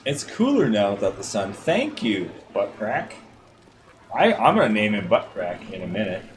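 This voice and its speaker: A man's voice: lowish voice, huge pitch swings, normal speed, crowd noise. A man streaming a video game live, muttering and swearing casually at it as he plays. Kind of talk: casual gameplay commentary. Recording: noisy livestream audio.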